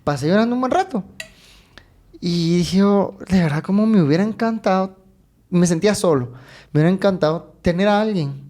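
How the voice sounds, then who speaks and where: Lively, storytelling man on a podcast. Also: sits high, moderate pace. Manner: storytelling, laughs often, uses local slang. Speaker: podcast co-host. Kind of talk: casual faith podcast chat.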